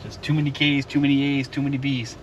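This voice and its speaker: A man's voice: medium pitch, level tone, quick pace, background noise. Joking East Coast Canadian man. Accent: Atlantic Canadian. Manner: joking, playful wordplay. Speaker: RV travel vlogger. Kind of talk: casual chat while driving.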